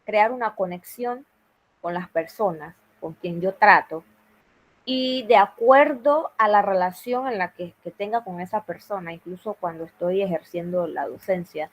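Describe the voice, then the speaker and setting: A woman teacher with a Panamanian Spanish accent and a loud, firm voice, sharing her classroom experience in a workshop. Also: mid-range voice, a little slow.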